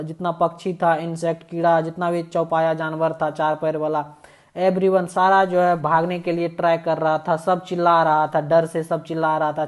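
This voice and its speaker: Brief: unhurried lesson narrator, monotone, reads a line and then explains it. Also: mid-range voice. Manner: slow, line-by-line reading, repeats and restarts. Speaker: teacher. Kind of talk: reading an English story and explaining it in Hindi.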